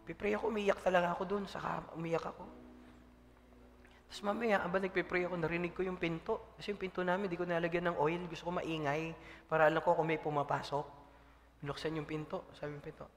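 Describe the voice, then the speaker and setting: A man's voice: a little high, fast, in a large hall, a little hiss or hum. A man preaching a sermon as a pastor. He preaches with energy, mixes in English, and keeps asking the congregation "Amen?". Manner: lively preaching, mixing in English, often asking the room "Amen?".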